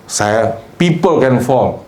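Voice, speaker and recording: A male pastor preaching a sermon in a church, mixing English phrases into his talk, addressing the congregation directly and acting out scenes with sudden shouts. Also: medium pitch, takes it slowly. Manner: animated, acts out scenes like shouting for a medic. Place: church hall. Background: congregation responding.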